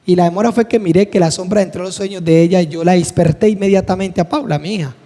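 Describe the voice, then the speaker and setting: A middle-aged man teaches a church class with real earnestness, vividly acting out the dialogue in his personal stories. His voice sits high and runs fast, with a mellow tone. The hall is echoey, with long reverb.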